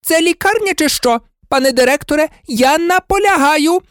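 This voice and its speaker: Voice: medium pitch, big pitch swings, unhurried, darkish tone, no echo, clean studio sound, pitched above the performer's own voice. A reader voicing a fussy, bossy middle-aged school nurse in a storybook, scolding and insistent. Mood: fussing.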